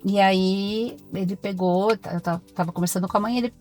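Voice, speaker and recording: A Brazilian woman, a pediatrician, talking as a podcast guest in firm, animated stories full of acted-out dialogue. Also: mid-range voice, normal speed, faint music behind. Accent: Brazilian Portuguese. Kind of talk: podcast interview conversation.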